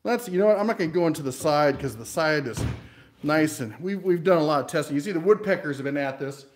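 Brief: joking male tool reviewer, slightly high voice, chatty garage demo delivery. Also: lively intonation, quick pace, slight background noise. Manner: wisecracking, talks while working. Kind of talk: casual product review. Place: home workshop garage.

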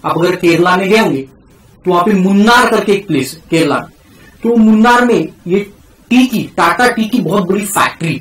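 A man with an Indian English accent giving a classroom lecture, switching between Hindi and English and slowing down to repeat key terms for his students. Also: high-pitched, a bit bright, echoey room, rough recording. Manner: mixes Hindi and English, calls students "beta", drills key terms slowly. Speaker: tax teacher.

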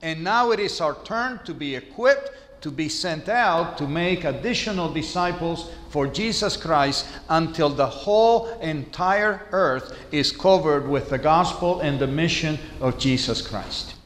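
A man's voice: on the high side, expressive, a little slow, few pauses, fairly bright tone. Middle-aged male priest, earnest sermon, recorded from afar in a reverberant church. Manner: earnest, preaching with hand gestures. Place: church sanctuary. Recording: echoey church hall from far off.

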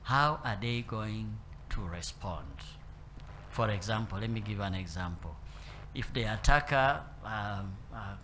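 Guy talking on a panel in a conference room, measured, repeats himself a lot, bit of faint room hum. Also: lowish voice, pushed and bright. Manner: measured, with frequent repeats and fillers. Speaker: panel speaker on corporate governance. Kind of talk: spoken panel talk. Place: conference room with live and online audience.

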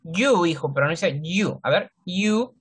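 A man teaching a children's English class, patiently correcting pronunciation and repeating words slowly. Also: high-pitched, expressive, fairly bright tone, slightly rough.

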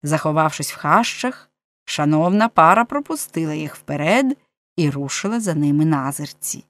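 A woman narrating an adventure audiobook with an expressive, varied reading. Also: low-pitched, normal speed, no room sound.

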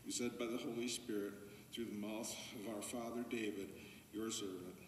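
A man reading scripture aloud as lector, with steady, deliberate delivery, in a large church sanctuary. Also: lowish voice, recorded from a distance, slight background noise. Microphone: distant camera microphone. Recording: echoey church captured from afar.

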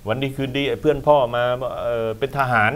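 A man's voice: medium pitch, steady tone, fast talker, clear, resonant tone. A man hosting a football talk show in a studio, lecturing with emphatic, rambling asides.

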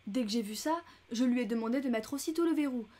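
A woman's voice: on the high side, quick pace, a little mellow, lightly acted. A woman reading an audiobook, voicing a talkative, fussy and easily upset older American lady who chats and protests with indignation. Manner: chatty and indignant.

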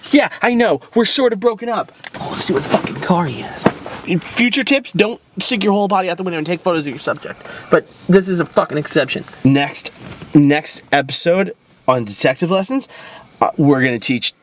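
A man playing a drunk, weepy, heartbroken amateur detective who rambles and swears in a parked car, slightly high voice with a lively, swooping delivery. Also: fairly quick, slight background noise. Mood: agitated. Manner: rambling, crude and self-pitying, swearing often. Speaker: comedy web host playing a detective. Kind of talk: improvised comedy monologue.

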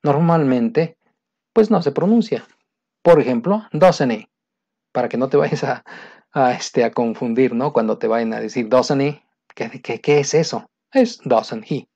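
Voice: mid-range voice, animated, a little slow, dark tone, slightly rough, highs cut off. An English teacher explains grammar in a recorded lesson. The teacher is patient and repeats points, often checking that the student is following. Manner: patient, repetitive, keeps checking understanding.

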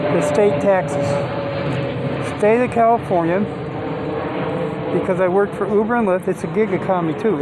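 Very noisy audio carries this older man's high voice as he self-films a vlog, phone close to his face. He talks plainly and loosely, keeps restarting, and works out math aloud, moving from a park outdoors into a van.

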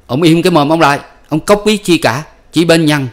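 A male audiobook reader voicing a proud, bitter young husband who rants loudly and theatrically. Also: mid-range voice, normal speed, pitched above the performer's own voice, natural voice. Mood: scornful. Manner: loud, ranting, theatrical outbursts.

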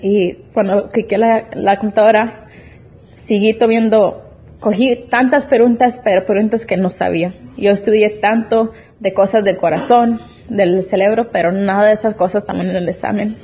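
With a mellow, mid-range voice carrying a breathy edge, a woman in her twenties tells of her personal faith at church. She's earnest and emotional, and she keeps restarting her sentences.

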